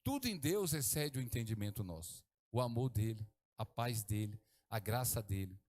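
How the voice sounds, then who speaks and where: A middle-aged man from Brazil, preaching a sermon as pastor, swinging from hushed to exclaiming. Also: on the low side, expressive, moderate pace.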